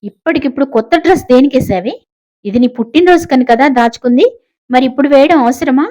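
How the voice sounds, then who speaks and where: A woman voicing a loud, fussy, scolding middle-aged mother in an audiobook story. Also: high voice, animated, quick pace, voice pushed up, poor audio. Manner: scolding, shouting.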